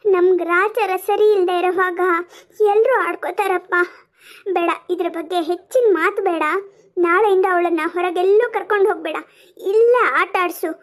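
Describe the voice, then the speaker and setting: A gentle cartoon mother speaks softly and pleads with quiet patience, as a woman plays her. Her voice is pitched very high. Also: normal speed. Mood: pleading. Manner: soft, pleading.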